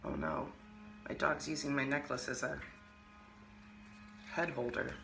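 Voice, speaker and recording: A woman hosting an art lesson, reading a picture book aloud with expressive, animated storytelling and casual asides. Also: very deep voice, a little slow, gravelly, roomy sound, faint music behind. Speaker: art teacher and host.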